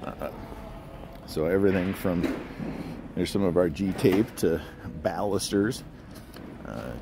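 A man narrating a casual walking tour of a large warehouse, explaining things in a relaxed way with many fillers and restarts. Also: sits low. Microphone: handheld phone camera while walking. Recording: phone recording with clear background hum.

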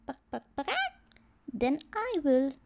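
Clucky little red hen, busy and fed up, lady reading it a bit higher than her usual, kinda muffled. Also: sing-song, slow pace, gravelly, dark tone, heavily acted. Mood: resigned. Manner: clucking "puck, puck".

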